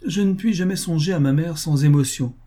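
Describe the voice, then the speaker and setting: A man's voice: a little high, fairly quick, mellow, pitched above the performer's own voice, lightly acted. A man voicing Mr. McGabry, a pompous, sentimental and jealous suitor, in a read-aloud novel.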